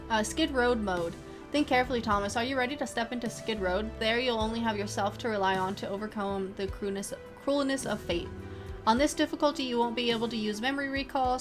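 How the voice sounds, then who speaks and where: A woman streamer reading a game's menu text aloud in a casual, unpolished way, with ums between lines. Her voice sits at a middle pitch, with faint game music underneath. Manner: casual, reads aloud with fillers.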